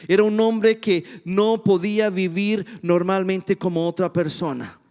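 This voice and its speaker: A man's voice: sits high, a little slow, darkish tone, clean tone, soft background music. A man preaching a sermon as pastor, retelling a story dramatically and putting rhetorical questions to the congregation. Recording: long reverb of a church hall.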